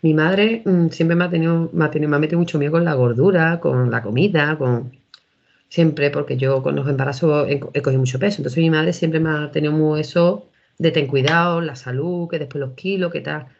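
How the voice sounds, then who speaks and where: Gravelly Andalusian woman telling a story. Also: deep voice, steady tone, brisk, darkish tone. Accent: Andalusian Spanish. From Seville, Spain. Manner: rambling, repeats words and restarts often. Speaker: interview guest, witness. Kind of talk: casual storytelling. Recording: dull lo-fi recording.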